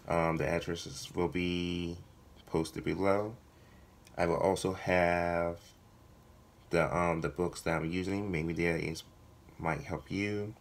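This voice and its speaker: Male vlogger, hoarse voice giving out, slow and fairly monotone, casual delivery to viewers. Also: low voice. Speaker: video blogger, writer. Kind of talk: casual vlog talk to viewers.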